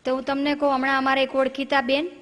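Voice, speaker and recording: High-voiced woman comic. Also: monotone, fast talker, a bit bright, big-room sound. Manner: chatty, addresses the audience directly. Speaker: comedian. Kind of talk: comic storytelling.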